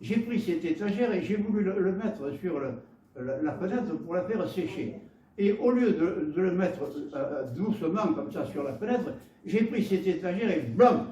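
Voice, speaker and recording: A man's voice: high-pitched, animated, roomy sound, recorded from a distance, dull audio, a little hiss or hum. A man with a Gascon French accent preaching a sermon, often stumbling and repeating words as he tells homely stories. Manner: halting, repeats words, warm storytelling asides. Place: church hall.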